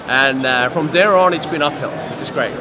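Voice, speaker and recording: Against heavy crowd noise at a bustling trade show, a middle-aged photographer from Finland shares stories in a relaxed interview. He speaks at a moderate pace in a voice on the high side.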